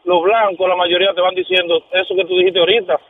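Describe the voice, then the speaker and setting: A man calling in to a radio show, telling an animated story and laughing as he talks. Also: high-pitched, fast, slight background noise. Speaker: caller. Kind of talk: casual call-in chat. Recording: tinny phone line.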